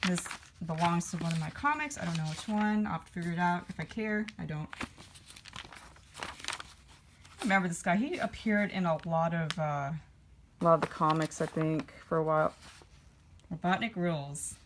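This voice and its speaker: A woman's voice: lowish voice, moderate pace, pauses often, background noise. A woman vlogger rambling casually while flipping through her old comics, with dry offhand asides. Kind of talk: casual vlog chat.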